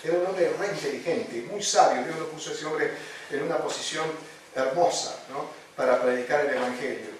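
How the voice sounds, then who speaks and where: A man's voice: fairly high pitch, brisk. A man with a Rioplatense Spanish accent, a pastor giving a chaplaincy lesson in a conversational sermon style, often tagging his sentences with "¿no?". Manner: conversational, frequent "¿no?" tags and fillers. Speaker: pastor teaching a chaplaincy course. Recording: echoey room from far off, faint noise.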